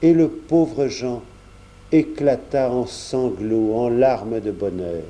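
Man reading a story out loud, slow and even, warm low-key tone. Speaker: narrator. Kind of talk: storybook narration.

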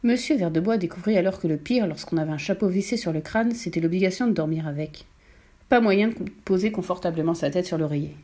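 A woman narrating a children's novel in a measured, expressive storytelling manner. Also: lowish voice. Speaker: audiobook narrator.

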